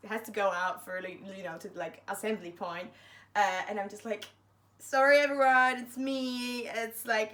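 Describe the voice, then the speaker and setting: A woman's voice: medium pitch, a bit bright. Chatty young woman telling a story. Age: young adult. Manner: chatty, self-mocking, acts out quotes. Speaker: university student vlogger. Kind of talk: casual storytime vlog.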